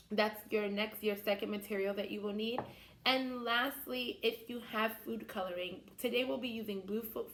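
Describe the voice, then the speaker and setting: A woman's voice: medium pitch, slight background noise, poor audio. A woman teaching young children step by step, in the manner of a kids show host. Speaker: children's teacher hosting a science activity.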